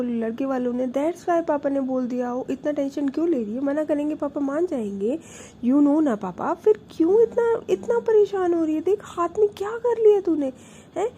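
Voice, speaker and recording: Soothing older sis, coaxing, mellow voice, narrator lady doing her. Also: high voice, normal speed, hardly any pauses, slight background noise, voice pushed up, close to an everyday voice. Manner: reassuring, coaxing. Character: caring older sister, protective, soothing.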